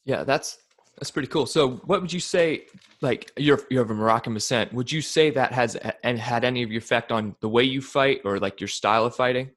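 A male host runs a casual interview in a mid-range voice. He keeps it upbeat and relaxed. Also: medium pitch, fairly quick. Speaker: podcast host.

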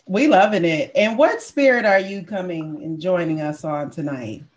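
A man from the US East Coast hosts a casual podcast with playful, animated energy. He jokes easily and breaks into laughter often. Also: sits high, normal speed, lo-fi sound. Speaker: podcast host.

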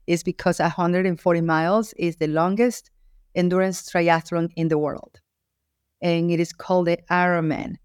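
A woman's voice: fairly low pitch, fairly even intonation, normal speed, clear, resonant tone, no echo, studio quality. A woman from Ecuador, an author being interviewed, speaking earnestly and reflectively, with frequent restarts. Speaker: author and guest. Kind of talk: interview answer.

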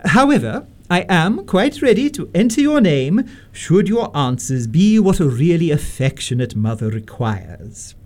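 In a heavily acted radio stage-comedy turn, a man voices a domineering middle-aged Victorian lady, pitching high for a male and swooping wildly up and down. His very animated, slightly mellow delivery is pompous and deliberate, haughtily interrogating and full of disapproval.

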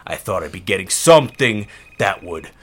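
A man's voice: low-pitched, very animated, moderate pace, a bit bright, full character voice. A man playing an irritable, entitled customer, sarcastic and complaining, in a comedy phone call. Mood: fed up. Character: irritable, entitled, foul-mouthed male customer.

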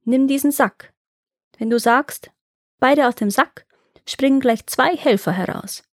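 A woman voicing the Frost as a playful winter spirit in a fairy tale reading, speaking slowly and calmly. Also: high voice, no room sound, studio quality, voice pushed up. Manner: slow and calm.

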